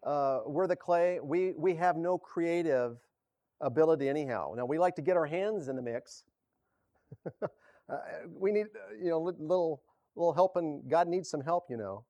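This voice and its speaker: A man preaching a casual sermon, halting and correcting himself, often chuckling. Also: a little high, lively intonation, mellow, no room sound. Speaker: pastor.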